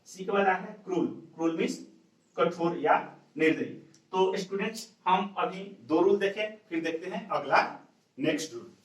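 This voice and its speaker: A man's voice: high-pitched, moderate pace. Echoey, distant male teacher drilling rules. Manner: repetitive question-and-answer drilling. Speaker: English pronunciation teacher. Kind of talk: classroom lesson, explaining rules to students.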